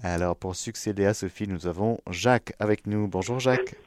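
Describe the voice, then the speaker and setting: A priest hosts a call-in radio show, his voice fairly low and measured. He slips into quiet prayer, then chuckles easily with callers. The sound is close and dry, with no room around it. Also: dry recording.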